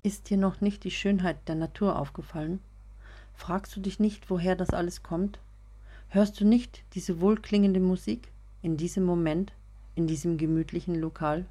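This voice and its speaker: A woman voicing a calm, spiritual young man. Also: fairly low pitch, normal speed, close to an everyday voice. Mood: earnest, calm. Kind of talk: audiobook reading.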